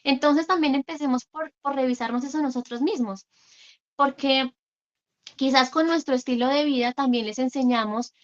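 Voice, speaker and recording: A woman's voice: high voice, moderate pace. Woman psychologist doing a parents workshop, earnest, keeps checking in, kinda muffled lo-fi audio. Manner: earnest, checks in with listeners often. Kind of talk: talk to parents.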